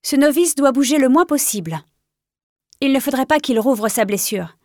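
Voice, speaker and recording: Woman voicing a teasing female healer cat, firm, higher pitch. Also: lively intonation, normal speed, no echo, clean studio sound. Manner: gently mocking, firm.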